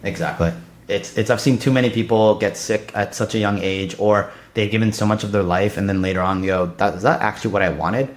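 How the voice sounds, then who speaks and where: Fast-talking man in his thirties, low voice. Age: 30s. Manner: fast, loose, filler-heavy talk with many restarts. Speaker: podcast guest. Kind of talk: casual conversation.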